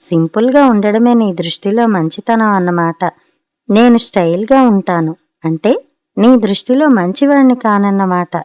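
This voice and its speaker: A woman's voice: mid-range voice, moderate pace, natural voice. A woman voicing an irritable, proud middle-aged husband who needles his wife in a storybook reading. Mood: sarcastic. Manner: sharp and needling.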